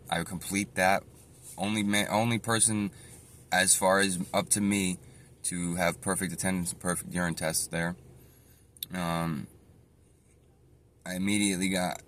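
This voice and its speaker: A man with a very deep, low voice tells his own story in an unscripted, meandering way. He stops to correct himself, backs up and fills gaps with "um". A faint hum of noise runs under him. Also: fairly bright tone. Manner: rambling, halting, with frequent fillers and self-corrections. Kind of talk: casual spoken storytime.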